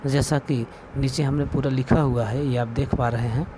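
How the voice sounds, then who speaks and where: A Sanskrit teacher with a medium-pitched, fairly level voice talks at a normal pace in a video lesson, patiently explaining each step and counting aloud. The recording is clear, with background noise and clicks.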